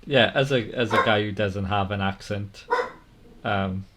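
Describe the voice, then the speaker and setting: A man's voice: lowish voice, measured pace, heavy background noise. A man from near Swansea with a South Welsh accent, chatting casually and joking dryly as a podcast panellist. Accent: South Welsh, Swansea area. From Wales, near Swansea. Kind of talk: casual chat.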